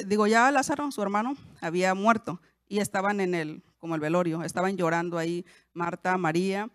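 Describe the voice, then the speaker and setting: A woman teaches the Bible to other women in an easy, conversational way. Her pitch sits in a middle range, and she often asks her listeners questions and corrects herself. The recording is dry and close. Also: no echo. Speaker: Bible teacher, podcast host.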